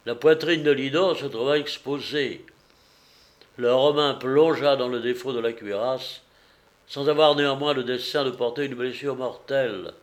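A man reading a historical novel aloud in a measured storytelling manner. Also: medium pitch. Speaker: narrator.

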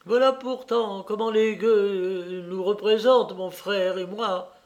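A man voicing a spiteful, gleeful middle-aged aunt in an audiobook, shrill and excited. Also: slow, muffled recording.

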